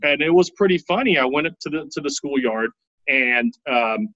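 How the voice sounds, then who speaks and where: Bright-voiced man telling stories casually. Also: on the high side, normal speed, no echo, muffled recording. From Taiwan. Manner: relaxed, often tags lines with "right?". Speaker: interview guest. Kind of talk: casual storytelling.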